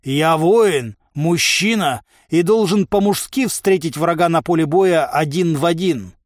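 A man's voice: on the high side, unhurried, no echo, clean studio sound, close to an everyday voice. A man voicing a proud, pompous giant of a warrior who speaks grandly. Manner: grandiose, self-important.

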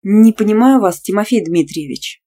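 A woman's voice: medium pitch, expressive, moderate pace, pitched above the performer's own voice, lightly acted. A woman voicing a young female student who answers back sharply and defiantly. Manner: sharp, defiant, easily outraged.

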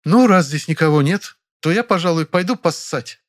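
A grand, sharp-tongued old actress, put on by a male narrator in a storybook reading. Her voice sits high above a man's usual register, haughty and theatrical. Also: quick pace, lightly acted.

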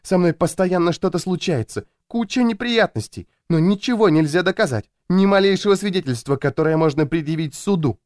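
A man voicing a frazzled, jumpy woman who feels hunted, speaking in a high, plaintive, complaining tone. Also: fairly quick, hardly any pauses, a little mellow, dry recording, clean studio sound, close to an everyday voice.

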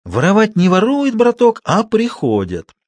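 A man voicing a gloomy, superstitious old village night watchman who talks slowly in rustic speech. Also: sits high, wildly swooping pitch, dry recording, pitched above the performer's own voice, full character voice. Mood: gruff, mysterious. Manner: slow, dialect-heavy, mysterious.

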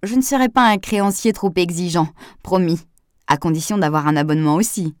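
A woman's voice: fairly low pitch, fairly quick, darkish tone, no room sound, close to an everyday voice. A woman reading aloud, voicing a man with a dry, slightly irritated manner. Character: Samuel, a slightly impatient man.

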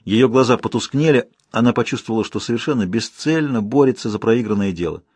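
Husky male audiobook narrator. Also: medium pitch, dry recording. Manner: measured, expressive reading. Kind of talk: scripted literary narration.

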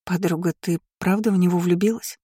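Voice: mid-range voice, fairly even intonation, brisk, warm tone, breathy edge, dry recording, studio quality, lightly acted. A narrator voicing a curious, eager young noblewoman who gossips playfully with her friend. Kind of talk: audiobook character voice.

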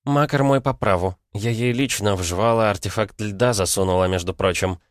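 A man's voice: lowish voice, normal speed, dry recording, studio quality, natural voice. A man voicing a flippant young vampire woman in a sassy, lifted tone. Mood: teasing.

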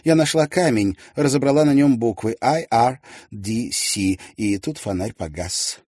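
Spirited proud young woman, read by a male narrator, high and animated, dry close sound. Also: measured pace, husky, dry recording. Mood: excited. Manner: raised, lively, teasing.

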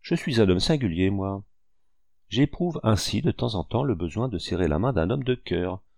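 A man's voice: lowish voice, expressive, normal speed, creaky, darkish tone, no room sound, studio quality. A man reading a novel aloud and voicing a blunt, good-natured hunter who speaks jovially. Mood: bluff. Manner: bluff, jovial. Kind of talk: audiobook reading.

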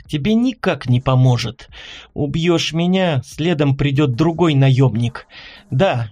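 A man's voice: fairly high pitch, darkish tone. Audiobook assassin, female, cool and sly, mocking, slightly raised voice, read by a man. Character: cold, mocking female contract killer.

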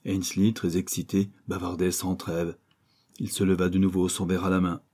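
A man narrates a classic short story at a measured pace. His voice is low and dark, with a husky grain. It is read in a steady audiobook style.

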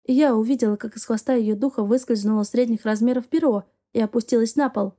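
A woman giving an expressive, measured first-person narration of a fantasy audiobook. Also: on the high side.

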